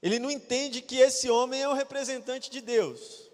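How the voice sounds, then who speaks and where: A male pastor preaching a sermon in a church, retelling a Bible story with lively acted-out quotes. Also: extremely high pitch, normal speed. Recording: reverberant church hall.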